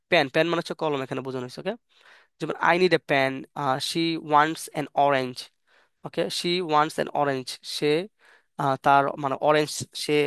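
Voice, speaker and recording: A man giving a casual English grammar lesson, reading examples slowly and explaining quickly, with many fillers and restarts. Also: a little high, a bit bright, clean tone, no room sound, studio quality. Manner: mixes Bengali and English, reads examples slowly then explains fast. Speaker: English teacher.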